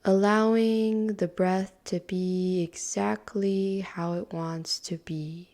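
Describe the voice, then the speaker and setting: With a medium-pitched, soft and breathy voice, a woman leads a calm, unhurried meditation. Long pauses separate her phrases, and she often sinks to near-whispers.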